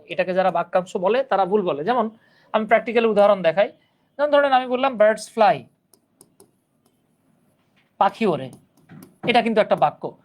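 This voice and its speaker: On a phone-recorded live stream, a man from Bangladesh with a high-pitched voice gives an English grammar lesson, talking straight to his students in a chatty, joking way.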